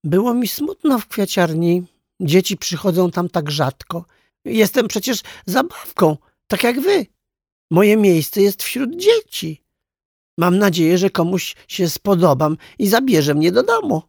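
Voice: medium pitch, sing-song, measured pace, vocal fry, a little mellow, dry recording, studio quality, pitched above the performer's own voice, heavily acted. A storyteller voicing a small, lonely jester toy who hopes a child will take it home, in a children's storybook reading. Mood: earnest. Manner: earnest and eager. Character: cheerful little jester toy, lonely and hopeful.

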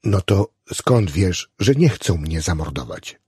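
A man voicing a calm, weary young male airman who speaks quietly and matter-of-factly. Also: sits low, takes it slowly, slightly rough, no room sound, studio quality, pitched below the performer's own voice, exaggerated voice. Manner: quiet, flat, matter-of-fact.

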